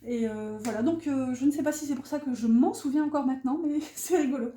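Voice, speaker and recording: Speaking a little fast, a mellow woman with a higher voice improvises a casual tarot reading for her viewers as host of an online guidance. She hesitates, searches for words and adds chatty asides, and the room sounds echoey.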